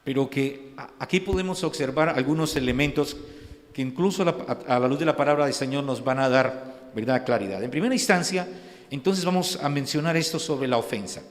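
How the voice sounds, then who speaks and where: A man's voice: medium pitch, fairly quick, big-room sound. A man preaching as a pastor, talking conversationally and asking his listeners frequent rhetorical questions. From Colombia. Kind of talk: sermon. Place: church sanctuary.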